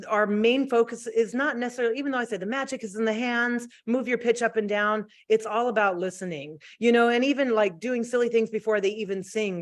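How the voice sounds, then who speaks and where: Playful woman teacher on a video call. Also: medium pitch. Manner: animated, playful, laughs often. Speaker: guest, middle school choir teacher. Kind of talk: casual video-call chat.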